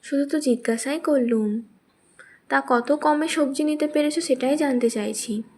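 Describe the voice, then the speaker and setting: A woman's voice: sits high, normal speed, warm tone, lightly acted. A woman voicing a teasing young village wife in a cartoon story, who mocks the old woman lightly. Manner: teasing, mocking.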